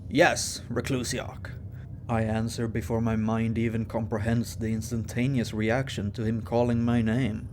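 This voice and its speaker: A man narrating a first-person story in an even, steady way. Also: fairly low pitch, moderate pace, hardly any pauses, background noise.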